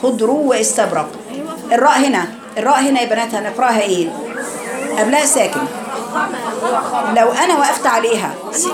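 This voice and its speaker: A woman with an Egyptian accent teaching Quran recitation to a class, quizzing her students and modelling words slowly. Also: fairly high pitch. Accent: Egyptian Arabic. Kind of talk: classroom lesson. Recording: crowd noise behind.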